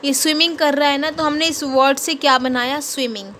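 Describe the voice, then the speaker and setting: A woman's voice: high voice, steady tone, a little fast, a bit bright, slight background noise. A woman teaching an English lesson in Hindi, patiently asking questions and answering them herself, spelling words out letter by letter. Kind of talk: classroom lesson explaining a worksheet.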